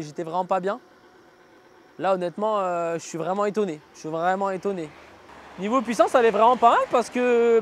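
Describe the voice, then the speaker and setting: A man giving casual, slangy vlog commentary, thinking aloud while riding outdoors. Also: high voice. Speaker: vlogger reviewing an electric scooter. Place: outdoors, riding on city roads.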